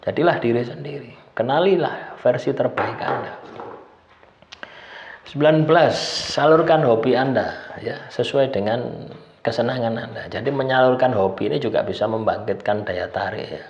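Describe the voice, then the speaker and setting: A man's voice: medium pitch, moderate pace, slight background noise. Man dropping "ya" in a roomy room. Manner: keeps adding tag "ya" after phrases. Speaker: spiritual self-help speaker. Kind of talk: casual numbered-list talk. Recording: roomy, slightly dull sound.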